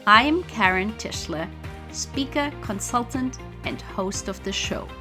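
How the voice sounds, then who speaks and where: A woman's voice: medium pitch, expressive, unhurried, music in the background. A woman hosting a podcast, reading a formal introduction and then asking her guest polite questions. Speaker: podcast host. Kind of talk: scripted podcast introduction and interview.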